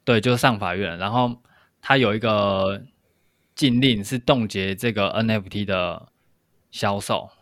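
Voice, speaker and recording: Low-voiced man explaining casually. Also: unhurried, fairly bright tone, no room sound, studio quality. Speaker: podcast co-host. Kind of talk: casual discussion.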